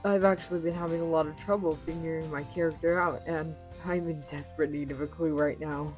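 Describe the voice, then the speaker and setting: A woman voicing an earnest, polite, curious young actress in an anime fan dub, with theatrical, deliberate, formal phrasing. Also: low voice, steady tone, a little mellow, soft background music, natural voice. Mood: earnest, pleading.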